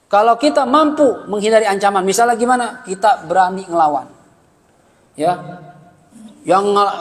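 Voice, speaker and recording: Guy teaching a religious class, jokey and slangy, acts out little scenes, echoey hall. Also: high-pitched. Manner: lively, joking with slangy asides and acted-out dialogue. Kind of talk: Islamic study lesson.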